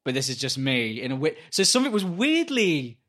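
Talking fairly quickly in a fairly high voice, this man co-hosts a podcast and spins a story full of cursing, playing out each character's voice in lively, casual banter.

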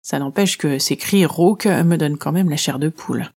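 A woman narrating a children's adventure in the first person, reading in a lively, expressive way. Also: low-pitched, moderate pace. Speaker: storyteller.

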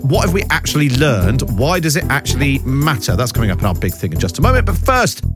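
A man hosting a political radio podcast in a brisk, jokey, chatty way. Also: medium pitch, sing-song, music in the background. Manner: brisk, jokey, laughs often. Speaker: radio presenter.

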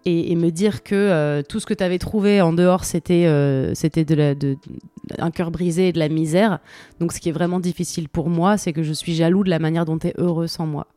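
Here a woman with a deep, dark voice co-hosts a podcast, excitedly going over song lyrics while hesitating a lot. French is her first language, the conversation is casual, and there's no room sound.

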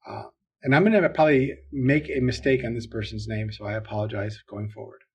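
A man from Minnesota with a clear Minnesotan accent, chatting casually as a podcast co-host. His voice is husky and a little breathy, relaxed and easygoing, full of small fillers and quick reactions. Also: mid-range voice.

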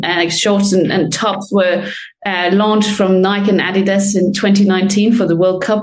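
A woman answers interview questions as a sports medicine lecturer. Her voice has a middle pitch. She explains at length in a conversational way, with frequent fillers. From Denmark.

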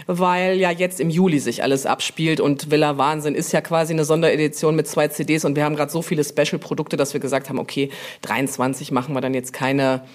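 Talking briskly in a low, steady voice, this woman is a podcast guest explaining her brand manager work in a relaxed way. She keeps checking that the listener agrees with little tag questions.

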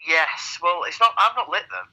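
This co-host's high, sharp voice leaps through huge pitch swings at a normal speed. He has a cold and is on a phone call played over speakerphone, chatting casually with crude jokes and rambling.

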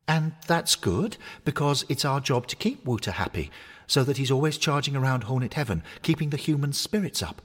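A man's voice: mid-range voice, expressive, brisk, a bit bright, long reverb tail, pitched above the performer's own voice. A man voicing a cheerful male hornet mascot toy who talks in an earnest, coaxing way. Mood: encouraging. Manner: earnest, coaxing pep talk.

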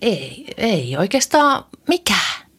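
Lively Finnish-speaking woman chatting. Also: mid-range voice, husky. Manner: hesitant, trailing off, many restarts; animated, lively. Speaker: podcast co-host. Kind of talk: casual chat.

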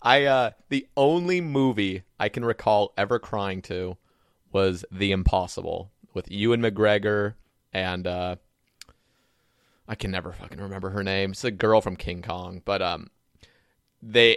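A young man with a fairly low voice, rambling through a story in quick bursts with casual swearing. The sound is close and dry, with little room around it. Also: steady tone, no room sound. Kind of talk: casual chat.

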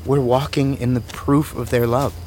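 An actor playing an eager, affectionate grown son, a little flustered. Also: male voice, medium pitch, little pitch movement, normal speed, warm tone, slight background noise, natural voice. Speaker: son and husband.

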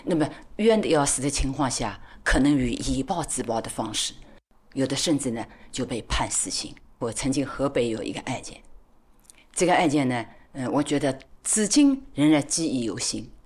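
A woman lawyer recalling her cases in an interview, talking deliberately with many filler particles. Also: extremely low pitch, expressive, a little mellow, breathy edge. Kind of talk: interview recollection.

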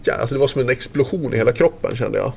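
Guy, gravelly voice, rambling story full of fillers, faint hiss behind. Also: medium pitch, lively intonation, a little mellow. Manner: vivid, loose retelling full of fillers and mild swearing. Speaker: former ski racer guest. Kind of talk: casual storytelling.

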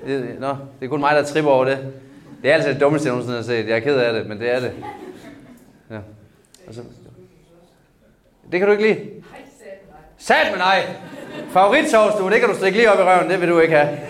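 A man's voice: a little high, pauses often, fairly bright tone. A man with a Danish accent doing a crude, ranting stand-up set with crowd banter on a club stage. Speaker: stand-up comedian. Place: club stage with live audience. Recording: live club crowd audible. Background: audience laughter.

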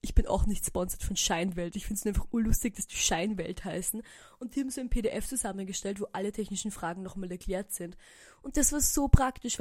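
A young woman, telling a personal story on her podcast in a chatty, animated way, full of fillers and English slang. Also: mid-range voice, no room sound, studio quality. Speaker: podcast host. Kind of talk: casual storytelling monologue.

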